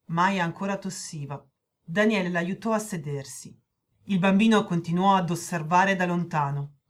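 A woman narrating a children's story in a clear, measured way. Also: lowish voice.

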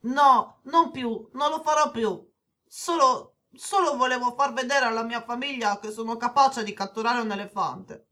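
A woman's voice: a little high, moderate pace, bright, forceful tone. A woman voicing a shy young boy who stammers out apologies in a children's audio story. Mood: remorseful.

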